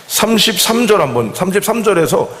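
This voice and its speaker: A man's voice: high voice, big pitch swings, a little fast, a bit bright. A male pastor preaching a sermon in a conversational way, often putting questions to the congregation. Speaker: senior pastor. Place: church sanctuary. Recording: long church hall reverb.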